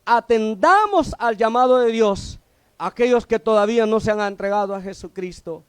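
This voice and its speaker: A man from El Salvador preaching a sermon as a deacon, who keeps asking the congregation questions and pausing for their reply. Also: sits high, clean tone, no room sound.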